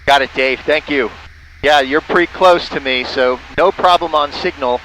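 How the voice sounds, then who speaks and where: At a normal pace, a man with a fairly high, slightly bright voice casually narrates his flight from a small airplane cockpit and makes amateur radio calls, using the phonetic alphabet for callsigns. It is a rough recording with faint engine noise in the background.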